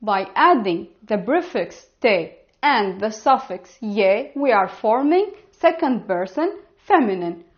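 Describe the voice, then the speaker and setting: A woman in her thirties, a native Arabic speaker with a Levantine accent, teaching a language lesson to camera, deliberately enunciating and repeating phrases. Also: medium pitch, lively intonation, highs cut off. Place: small indoor room. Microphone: lapel mic.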